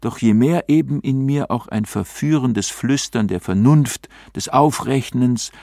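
A man narrating an old-fashioned literary tale in a measured, brooding, formal way. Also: on the low side, creaky, darkish tone, no echo, studio quality.

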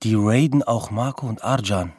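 Male narrator, husky and dry, gritty street-slang first-person reading. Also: on the low side, normal speed, darkish tone, no echo.

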